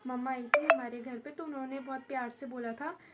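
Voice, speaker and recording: A woman's voice: high voice, steady tone, a little fast, heavy background noise. A young woman vlogging casually from home, chatty and repetitive. She is unwell and in pain. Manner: chatty, repeats herself, addresses viewers as guys. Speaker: vlogger and tuition teacher. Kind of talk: casual vlog talk to camera. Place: at home while her mother does her hair.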